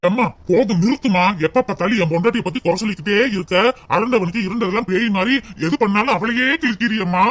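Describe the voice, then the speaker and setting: A man's voice: high-pitched, fast talker. A man voicing a patient young husband in a cartoon, pleading with his mother. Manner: pleading, reasoning.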